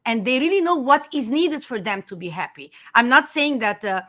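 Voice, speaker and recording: A woman with a fairly high, fairly bright voice speaks at a normal speed with lively intonation. A native Armenian speaker who works as an author and life coach, she talks earnestly and emphatically in a conversational interview, often restarting her sentences.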